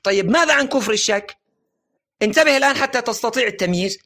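رجل بصوت عالٍ ومشرق يلقي درساً دينياً. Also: male voice, lively intonation, bright, forceful tone. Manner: earnest lecturing, repeatedly urging listeners to pay attention; slow stressed phrases, drops low at sentence ends. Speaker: religious teacher. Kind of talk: recorded religious lesson.

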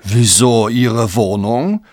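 A man voicing a short, stocky man who answers with calm, dismissive politeness in an audiobook. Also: mid-range voice, unhurried, no echo, clean studio sound, close to an everyday voice. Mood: unbothered. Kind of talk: audiobook character voice.

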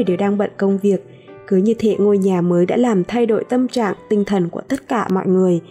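A woman narrating a novel in the first person in a measured storytelling voice. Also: mid-range voice, dark tone. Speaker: audiobook narrator.

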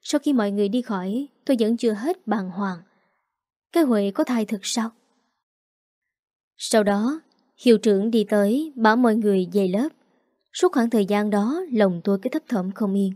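A woman's voice: mid-range voice, moderate pace, long pauses, dark tone, no room sound, studio quality. Dramatic woman storyteller. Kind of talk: first-person storytelling narration.

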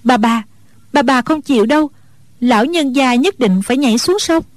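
A woman's voice: high voice, normal speed, no room sound, lightly acted. A woman voicing a frightened young girl who stammers anxiously in a storybook reading.

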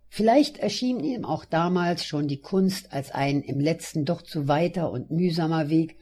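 A man narrating a memoir audiobook in a measured first-person storytelling manner. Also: a little high, mellow.

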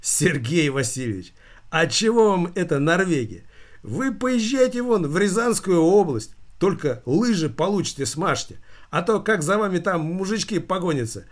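Coarse joking coworker, read by a man, mocking tone, slightly raised pitch. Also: big pitch swings, normal speed. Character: crude joking male office colleague.

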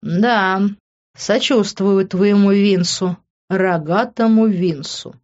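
A woman's voice: medium pitch, slow, a little mellow, highs cut off, natural voice. A woman voicing a rude sneering young man. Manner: curt, sneering, drawn out.

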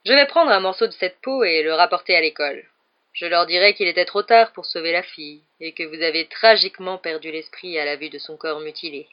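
A reader of a French audiobook voicing a smug, treacherous male wizard teacher who gloats and shouts. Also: medium pitch, brisk, lightly acted. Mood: gloating. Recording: dull lo-fi audio.

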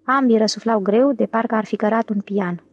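A woman narrating an audiobook in a steady, even reading. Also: a little high, dry recording, dull audio. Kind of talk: scripted narration.

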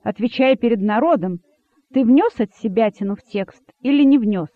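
Man doing a wrathful rabbit king, imperious and sarcastic, high voice, dry phone-like sound. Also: normal speed, dry recording. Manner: angry, accusing, sarcastic.

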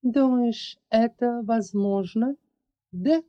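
A woman voicing a fierce young dragoness who defends orphans, accusing and high-strung. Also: slow pace, dark tone, lo-fi sound. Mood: furious. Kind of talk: audiobook character voice.

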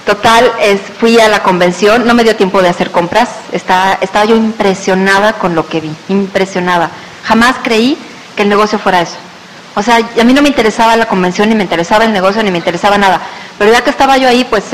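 Mexican woman telling a lively testimony. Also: medium pitch. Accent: Mexican Spanish. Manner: lively storyteller who acts out quoted voices. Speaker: speaker sharing a business testimony. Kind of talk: personal testimony told to an audience. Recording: reverberant hall with faint hiss.

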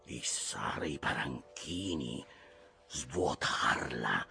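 A man voicing an imperious, obsessed old whaling captain in a theatrical audiobook dramatisation, given to bellowed commands and menacing hushed asides. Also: low-pitched, expressive, slow pace, faint music behind, heavily acted. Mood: scornful, menacing. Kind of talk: dramatised audiobook reading of a classic sea novel.

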